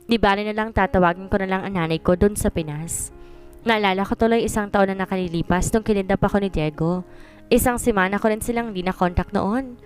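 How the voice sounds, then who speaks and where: A woman's voice: mid-range voice, fairly quick, faint music behind. A woman reading a first-person story aloud with an exasperated, complaining tone.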